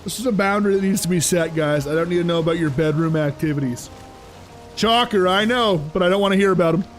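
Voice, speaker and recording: A young man live-streaming a video game, chatting casually with his viewers in an animated, exasperated ramble full of fillers. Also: high voice, fast talker, soft background music, poor audio. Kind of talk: casual live-stream chat while playing.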